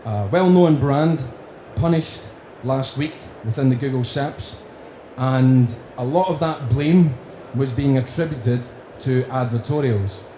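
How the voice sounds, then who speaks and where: A man with a broad Scottish accent giving a prepared conference talk, speaking deliberately in emphatic lists. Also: medium pitch, dark tone. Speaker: conference speaker, company director. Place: indoor conference room. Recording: roomy, echoing venue with faint noise.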